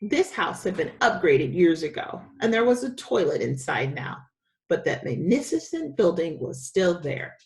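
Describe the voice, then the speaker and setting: With a lowish voice at a moderate pace, a woman in a teacher's role reads a children's story, dramatic and expressive in her delivery.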